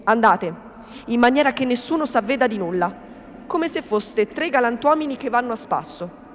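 A woman's voice: on the high side, lively intonation, moderate pace, close to an everyday voice. Scheming male notary, soothing and false, read by a woman, in a reverberant hall. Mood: stern. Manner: coaxing, falsely kindly, then stern. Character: smooth-talking scheming middle-aged male notary. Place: reading event in a hall. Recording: long hall reverb, faint background noise.

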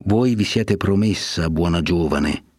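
A dignified elderly cardinal, as a male reader takes him on, in a low, unhurried voice. He admonishes with grave, measured authority, and the sound is dry and close. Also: a little mellow, dry recording. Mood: admonishing.

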